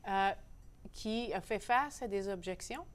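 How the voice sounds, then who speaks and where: An animated woman with a Canadian French accent talks casually as an interview guest. She speaks at a middling pitch and holds firm opinions, and she often stops on "euh" to gather her thoughts. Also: slight background noise. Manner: opinionated, animated, pauses on fillers. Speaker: newspaper columnist, guest.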